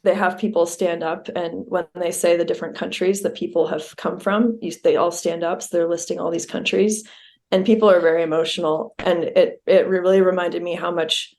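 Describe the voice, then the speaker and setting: A young adult American woman from the United States chats casually as a podcast guest; she's an Olympic sailor. Her voice is lowish and darkish in tone, fairly quick, with little pitch movement. She's easygoing, laughs often, and uses many ums.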